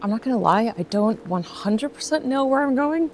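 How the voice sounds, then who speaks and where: On a bush walk outdoors, a Russian-born vlogger in her forties rambles casually, laughing a lot and using plenty of fillers. Her accent is mostly American, nudged slightly by years in New Zealand. Her voice is a touch high at a normal pace, with a bit of background noise.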